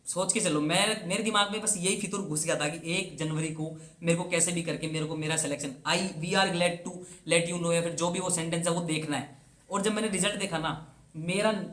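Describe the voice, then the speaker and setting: Young man, fairly high voice, casual motivational talk, chatty, mixes in English words, repeats his advice, roomy echo. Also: a bit bright. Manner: earnest, urging and repetitive. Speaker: banking exam coach.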